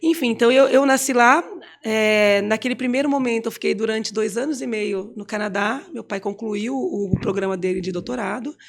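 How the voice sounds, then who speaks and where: A woman's voice: fairly high pitch, moderate pace, gravelly. A Brazilian woman in her forties, a guest on an interview show, talking casually and rambling with many fillers.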